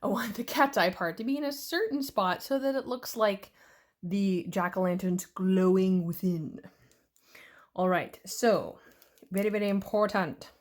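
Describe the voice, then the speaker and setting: A Canadian woman hosts a nail art tutorial in an easygoing, playful way and jokes as she goes. Her speech is slow and unhurried, and her voice sits at an ordinary pitch for a woman. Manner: chatty and playful, jokes and silly sounds. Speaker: nail art channel host. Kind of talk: casual tutorial chat.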